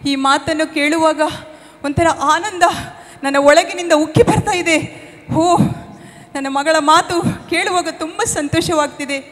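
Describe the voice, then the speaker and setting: Lady doing a churchy mom who wails and preaches, high voice, big echoey hall. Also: fairly even intonation, normal speed, a bit bright. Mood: joyful. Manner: wailing laments, then preachy admonishing. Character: devout anguished mother scolding her daughter. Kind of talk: amateur church stage skit. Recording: echoey hall, stage mic.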